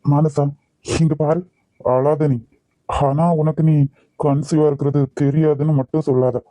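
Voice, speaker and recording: A man's voice: fairly high pitch, level tone, unhurried, dark tone, dry recording, lightly acted. A man voicing an earnest, possessive young husband in a cartoon love story. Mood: insistent. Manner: earnest, insistent, emotional.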